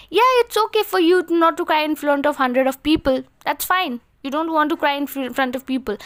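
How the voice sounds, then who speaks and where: A woman giving an earnest, emphatic motivational talk, often posing rhetorical questions. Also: high-pitched. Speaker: motivational speaker.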